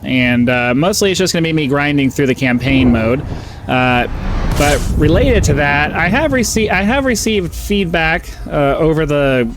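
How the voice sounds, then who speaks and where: Pitched on the high side and a little slow, the same nasal-voiced man sounds animated as he hosts his gaming channel. His commentary wanders off track constantly and is packed with filler words.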